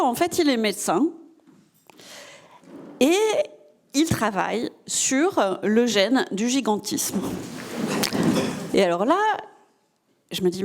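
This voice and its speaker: A woman's voice: medium pitch, darkish tone. A woman organizing a festival who introduces the guest speaker with many fillers and restarts. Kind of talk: hesitant spoken introduction.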